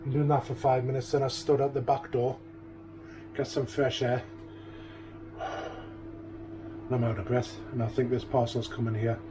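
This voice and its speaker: A man's voice: medium pitch, flat delivery, fairly quick, noisy background. A middle-aged man, chatting casually in a home video diary and often trailing off mid-sentence. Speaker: vlogger. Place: living room at home.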